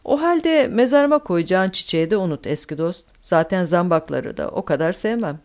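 A woman voicing a calm, fatalistic older male German officer in an audiobook. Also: lowish voice, normal speed. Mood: resigned.

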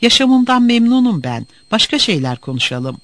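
A man's voice: very high-pitched, sing-song, normal speed, fairly bright tone, no room sound, voice pushed up, exaggerated voice. A man voicing a bitter, sullen young former student who answers in a defiant grumble.

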